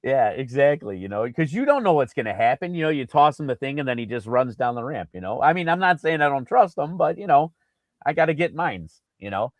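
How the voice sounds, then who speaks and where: A man co-hosting a casual sports podcast, telling an animated story with lots of fillers and acted-out quotes. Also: medium pitch, a little fast, no room sound. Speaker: podcast co-host.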